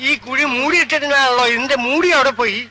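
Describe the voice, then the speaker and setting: An anxious household helper. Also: male voice, very high-pitched, fast, very noisy. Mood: worried. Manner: anxious, deferential. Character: worried male helper, respectful to his employer. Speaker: film character, household helper. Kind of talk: 1990s film acting.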